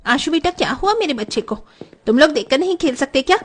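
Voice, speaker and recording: A woman voicing a quarrelsome, protective mother in an animated story, shouting and threatening. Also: high-pitched, fast. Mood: angry protective.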